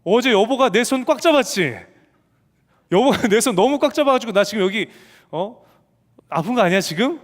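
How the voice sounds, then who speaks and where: A man voicing an indignant young wife who has just given birth, speaking high, loud and reproachfully. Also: lively intonation, normal speed. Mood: accusing. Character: indignant young wife, newly delivered mother, accusing. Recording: reverberant church hall.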